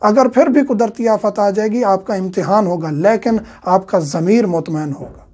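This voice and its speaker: A man teaching a religious lecture in a steady, explanatory way, with frequent filler sounds. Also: high-pitched.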